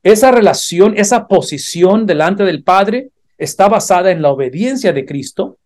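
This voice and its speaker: A man's voice: high voice, expressive, moderate pace, darkish tone. A man teaching a church Bible class, earnest and explanatory, building emphasis through repeated phrases. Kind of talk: theological teaching.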